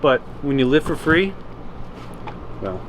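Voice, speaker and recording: A man chats casually as an RV travel vlogger, wandering through his thoughts without a script. His voice sits at a medium pitch, with faint ambient noise behind it. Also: very animated, takes it slowly, low-quality recording. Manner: informal, unscripted, rambling. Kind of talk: casual, chatty vlog talk.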